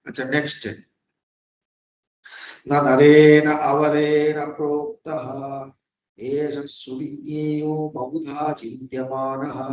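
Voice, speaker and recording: A monk teaching scripture in a slightly raised voice, heard in a roomy, echoing space. He explains step by step, poses questions and answers them himself, and drops English words into his talk. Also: on the high side. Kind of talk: scripture class lecture.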